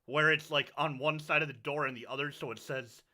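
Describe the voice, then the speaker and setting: A man's voice: on the high side, fairly even intonation, a little fast, bright, forceful tone. A man acting as game master, mixing casual chat with narration for a tabletop game.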